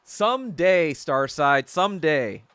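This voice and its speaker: Lively, profane male podcast host. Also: fairly high pitch, slow pace, clear, resonant tone, dry recording. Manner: profane, rambling, opinionated, frequent fillers. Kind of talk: casual livestream monologue.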